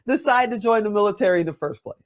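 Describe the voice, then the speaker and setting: A woman's voice: medium pitch, expressive, fast talker. A woman in her fifties hosts a talk show interview. She is a veteran who chats in an encouraging, rambling way. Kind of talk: interview conversation.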